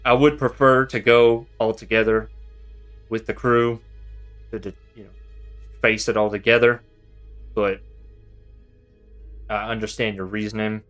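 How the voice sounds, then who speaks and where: A man playing an earnest, worried crew member in a tabletop game, speaking in a measured, hesitant way. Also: lowish voice, flat delivery, a bit bright. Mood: worried, reluctant. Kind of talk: in-character tabletop role-play. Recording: faint music behind.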